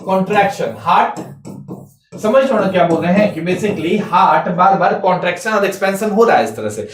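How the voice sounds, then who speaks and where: A man's voice: sits high, lively intonation, faint music behind. A man teaching a science lesson for exams, repeating a check-in phrase and answering his own questions. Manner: mixes English terms into Hindi, spells words out slowly. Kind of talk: exam-prep science lecture. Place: classroom or small studio, writing on a board. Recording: echoey room, mic some distance off.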